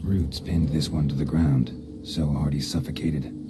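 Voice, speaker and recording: An actor playing a terse, grim monster hunter in a video game, muttering deadpan observations to himself. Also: male voice, a bass voice, measured pace, background noise. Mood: grim, focused. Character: stoic male monster hunter tracking a beast, terse and grim. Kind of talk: video game character monologue.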